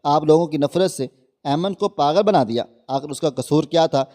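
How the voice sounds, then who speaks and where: A man's voice: a little high, dark tone, in a large hall, close to an everyday voice. A man voicing a remorseful, devoted young husband in a storybook reading, speaking with passion. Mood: reproachful. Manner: impassioned, reproachful. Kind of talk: storybook narration.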